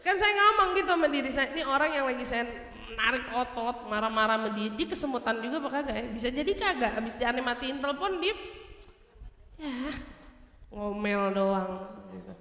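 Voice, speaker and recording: A lively woman preacher, her high, bright voice bouncing around a big echoey hall. She laughs easily and slips into quick little impersonations as she teaches. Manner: animated, humorous, acts out quoted speech; laughs often while speaking. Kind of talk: religious study talk.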